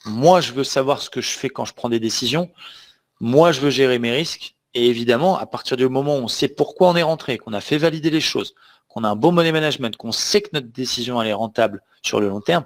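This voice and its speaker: A man teaching a live online trading webinar, talking emphatically and often checking that the audience understands. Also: mid-range voice. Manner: emphatic, asks the audience questions. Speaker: trading trainer.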